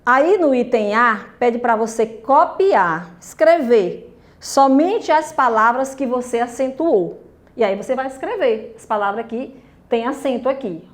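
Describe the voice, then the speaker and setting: A Brazilian woman teacher walks young pupils through a grammar exercise in a recorded lesson. Her voice sits a little high for a woman. She speaks slowly and patiently and keeps checking in with short questions. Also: animated. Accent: Brazilian Portuguese. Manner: slow and patient, checking in with "tudo bem?" and "ok?". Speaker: primary school teacher.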